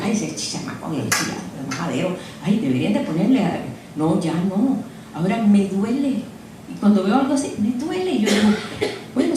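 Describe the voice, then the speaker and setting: A woman's voice: medium pitch, mellow, a little hiss or hum. Older woman preaching in an echoey room. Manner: chatty storytelling, frequent "¿eh?" asides. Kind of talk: sermon. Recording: echoey room picked up from a distance.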